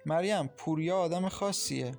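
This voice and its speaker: A male narrator raising his pitch to play a bold young bride-to-be, earnest and playful. Her voice sits higher than his own and stays lively, as a character in an audiobook. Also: gravelly, soft background music.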